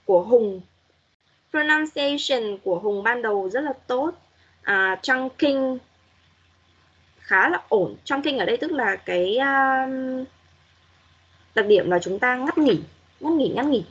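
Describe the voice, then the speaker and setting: A woman's voice: a little high, expressive, slow, pauses often, a bit bright, slightly rough, dull audio. A woman English teacher giving patient, corrective feedback to students in an online class, modeling pronunciation as she goes.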